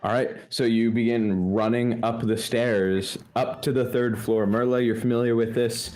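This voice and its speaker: A man narrating a tabletop game as game master, with halting restarts. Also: mid-range voice, steady tone, a little mellow, faint music behind.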